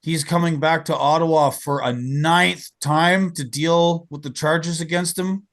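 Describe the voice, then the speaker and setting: A man's voice: a little high, steady tone, unhurried. A man hosting a podcast, talking emphatically in casual conversation, often repeating words and saying "like". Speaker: podcast host.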